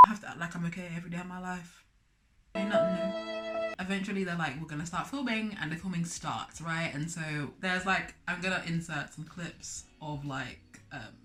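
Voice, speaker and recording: A young woman vlogger telling a story in an animated, chatty way, full of "like" and acted-out voices. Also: fairly low pitch. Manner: chatty, dramatic, acts out voices, lots of "like". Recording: faint music bed behind.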